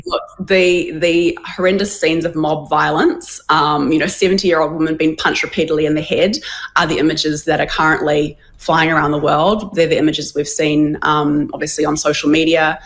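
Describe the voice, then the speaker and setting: Low-voiced woman on a video call. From New Zealand. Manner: earnest, measured, frequent fillers. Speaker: guest, women's advocacy CEO. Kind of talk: interview by video link.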